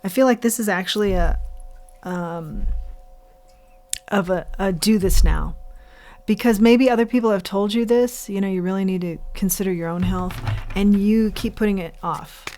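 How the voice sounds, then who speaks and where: A woman giving an intuitive tarot reading as host, saying the card names slowly and repeating her advice earnestly. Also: medium pitch, mellow. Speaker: tarot reader.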